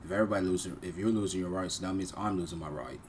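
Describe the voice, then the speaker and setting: A man's voice: deep voice, rapid-fire, a little hiss or hum. A man hosting a reaction video, talking bluntly and mockingly in casual commentary. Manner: blunt, mocking, repeats himself.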